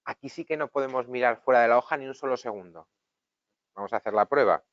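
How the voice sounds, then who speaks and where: A man's voice: mid-range voice, fast talker, no echo. A man with a Spanish accent from Spain, teaching public speaking in a webinar and explaining exercises in a conversational way. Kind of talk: webinar lesson. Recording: dull, dry recording.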